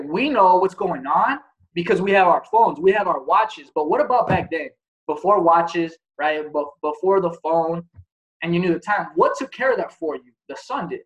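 Blunt high-voiced man. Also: lo-fi sound. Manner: blunt, swears, asks rhetorical questions. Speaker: podcast host. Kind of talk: casual motivational talk.

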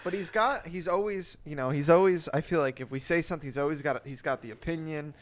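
A man's voice: fairly high pitch, fast. Rambling, swearing male podcast host. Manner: rambling, swearing, lots of restarts. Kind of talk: casual chat.

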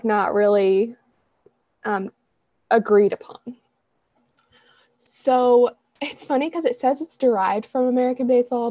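Her voice is fairly high and mellow, with no room sound in the recording. She's a young co-host on a podcast, and her casual chat rambles, full of self-corrections and fillers.

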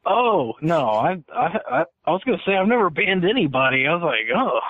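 A man's voice: a little high, very animated, brisk, dry recording. Guy calling in on the phone, tinny line, kinda hesitant, trips over his words, dry sound. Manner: hesitant, stammers and repeats words. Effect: heard over a phone line. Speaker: phoned-in guest. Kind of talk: casual chat.

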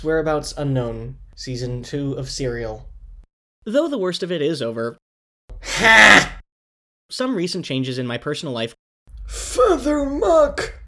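A young American podcast host talks through listener questions in a casual monologue. The voice sits at a middle pitch and swings up and down a lot. The host slips in wry, self-mocking jokes. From United States.

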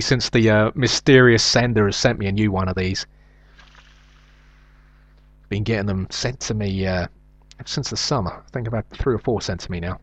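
A man's voice: lowish voice, dry recording. Middle-aged man, nasal South London accent. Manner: hesitant, deliberate, self-deprecating. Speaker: show host. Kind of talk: rambling comic monologue.

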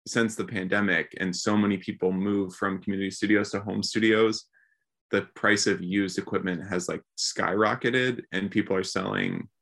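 A man co-hosts a podcast with a very low, deep voice. He talks casually and jokes at his own expense. He likes acting out little exchanges as he tells a story. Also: vocal fry, fairly bright tone. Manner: joking, self-mocking, acts out little quoted exchanges. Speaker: podcast co-host. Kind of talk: casual chat.

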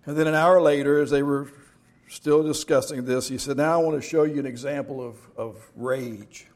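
A man's voice: on the high side, fairly even intonation, moderate pace, a little mellow. A middle-aged man preaching a sermon as pastor, telling jokes and stories in a folksy way. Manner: folksy joke-telling storyteller.

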